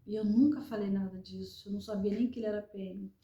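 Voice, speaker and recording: A Brazilian woman giving an earnest personal testimony, retelling events in a halting, repetitive way. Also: medium pitch, fairly even intonation, dark tone, reverberant, dull audio. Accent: Brazilian Portuguese. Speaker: survivor telling her story.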